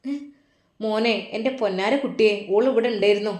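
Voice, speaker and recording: A woman's voice: mid-range voice, fairly even intonation, fairly quick, a little mellow, close to an everyday voice. A woman voicing an evasive middle-aged mother who coaxes and scolds her son, with a Malappuram Malayalam accent, in a roomy echo. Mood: coaxing, scolding. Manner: coaxing, scolding.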